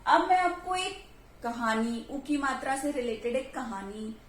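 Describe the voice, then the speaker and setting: A woman's voice: sits high, expressive, measured pace, slight background noise. A woman teaching a children's Hindi lesson, patiently asking questions and then answering them herself. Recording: echoey room with faint ambience.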